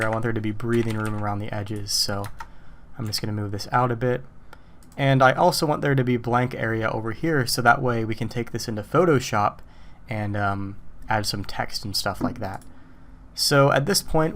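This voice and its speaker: Man, tutorial instructor, voice going hoarse, relaxed walkthrough, typing behind. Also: lowish voice, a little hiss or hum. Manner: casual, relaxed, talks through steps as he works. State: losing his voice. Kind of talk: screen-recorded tutorial walkthrough.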